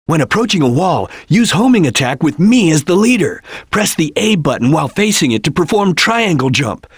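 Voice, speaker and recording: Espio the Chameleon, husky ninja. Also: male voice, mid-range voice, no room sound, clean studio sound. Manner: earnest, measured, instructional. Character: serious, disciplined male ninja chameleon of a detective team. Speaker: game character voice actor. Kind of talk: scripted video game tutorial lines.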